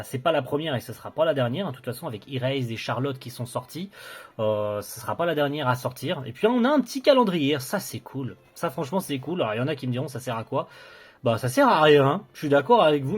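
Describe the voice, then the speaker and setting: A man's voice: on the high side, breathy edge. A young man casually reviewing a collector's box set, enthusiastic but hesitant, with many fillers and restarts.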